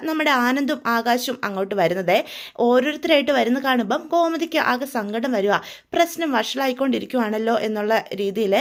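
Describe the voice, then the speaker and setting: A woman narrating a serial recap in a chatty, casual storytelling way. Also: fairly high pitch. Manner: chatty, adds friendly tag words.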